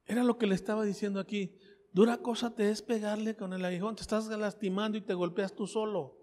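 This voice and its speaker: High-voiced Mexican preacher in reverberant hall. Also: male voice, flat delivery, brisk, darkish tone. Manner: conversational, repeats phrases, asks the congregation questions. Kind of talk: sermon with personal testimony. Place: church.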